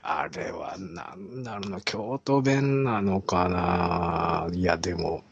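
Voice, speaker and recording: A man co-hosting a radio talk show, musing in a relaxed, reflective way. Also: low-pitched, slow, vocal fry, slightly rough, no echo, muffled recording. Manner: relaxed, reflective, frequent backchannel nods. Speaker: radio co-host. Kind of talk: casual chat.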